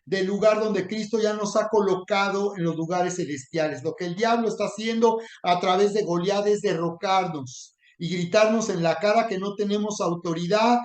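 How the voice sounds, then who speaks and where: A man's voice: high-pitched, darkish tone, roomy sound. A man preaching a sermon, retelling a story and voicing mocking taunts with dramatic emphasis.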